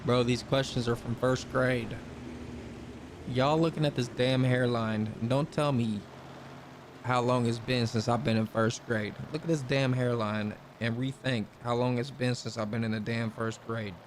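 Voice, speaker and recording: A man's voice: mid-range voice, steady tone, a little slow, slight background noise. A man streaming a game and chatting casually with viewers, laid-back, slangy and rambling. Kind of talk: casual live-stream chat.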